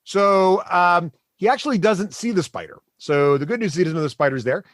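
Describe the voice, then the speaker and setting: A man running a tabletop game, narrating casually and haltingly as he thinks aloud as game master. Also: sits high, fairly bright tone, no room sound, studio quality.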